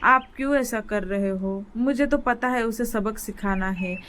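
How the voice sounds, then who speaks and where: A woman's voice: a little high, a little slow, fairly bright tone. A woman voicing an anxious, caring mother sparrow in a cartoon story. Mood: scolding.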